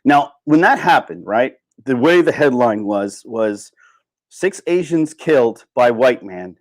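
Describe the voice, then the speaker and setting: A livestream host, male, speaks in a mid-range, animated voice at a measured pace, with no room sound. His monologue is casual and opinionated, delivered informally and emphatically, with repeated phrases to hammer points home and occasional swearing.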